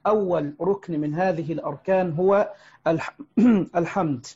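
A man teaching a religious lesson, explaining a text step by step with frequent hesitant pauses. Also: high-pitched, dark tone, breathy edge. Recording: muffled lo-fi recording.

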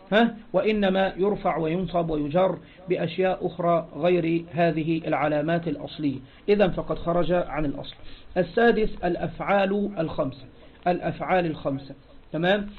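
A high-pitched man lecturing on grammar over a dull, lo-fi recording. He poses questions to the class and answers them himself, repeating each point. He reads quoted passages louder and more slowly. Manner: asks rhetorical questions and answers them, repeats key phrases. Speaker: Arabic grammar teacher. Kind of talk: classroom lecture explaining a text.

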